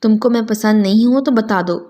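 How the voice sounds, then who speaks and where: Woman reader as a calm, kind young man, storybook style. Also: fairly high pitch, lightly acted. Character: kind young man, gentle, patient groom-to-be.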